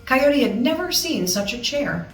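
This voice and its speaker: A woman's voice: sits high, sing-song, measured pace, creaky. A woman reading a children's storybook aloud expressively, with chatty asides to her listeners. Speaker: storybook reader. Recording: roomy, distant mic, music behind.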